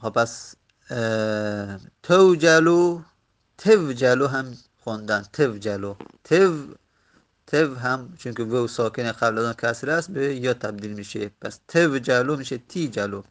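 Man slowly reciting an Arabic grammar lesson. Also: mid-range voice. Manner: slow, repetitive recitation of word forms; self-correcting, with frequent pauses. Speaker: teacher.

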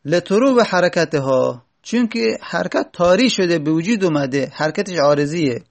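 Gravelly-voiced man teaching grammar. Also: sits high, expressive. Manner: reads a rule aloud, then explains it step by step; asks the class questions and answers them himself. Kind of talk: grammar lesson explaining a textbook.

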